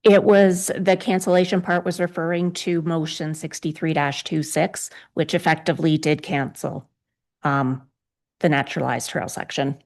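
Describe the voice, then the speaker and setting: A woman clerk at a council meeting, her voice going a little hoarse. She reads draft resolutions in precise, formal wording, pitched slightly low. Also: steady tone, normal speed, a little mellow. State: losing her voice. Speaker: town clerk.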